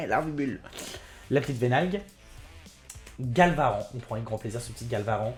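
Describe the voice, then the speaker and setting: A man hosting his own card-opening video, chatting excitedly and talking straight to his viewers. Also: mid-range voice, normal speed, faint music behind. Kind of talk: casual card unboxing commentary.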